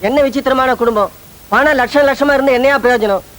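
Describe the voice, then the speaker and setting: A man's voice: very high-pitched, fast, a bit bright. An actor playing a rich old father, once a wrestler, who laments comically in a Tamil film. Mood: lamenting. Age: older. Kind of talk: Tamil film comedy acting.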